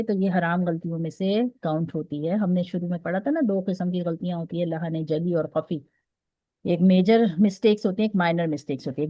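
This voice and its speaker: A woman with a Pakistani Urdu accent teaches an online Quran recitation class in a lowish voice, recorded lo-fi without echo. Patiently she explains each step, frequently asking "theek hai?" to make sure her students follow.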